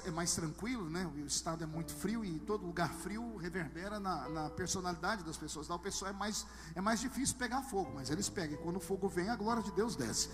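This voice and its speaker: A very high-pitched man from Brazil preaching a sermon in a big hall, where his voice trails off in a long reverb. Music plays clearly underneath as he tells humorous stories, acts out the dialogue, and swings from hushed tones to shouts. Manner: humorous storytelling with acted dialogue. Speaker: pastor.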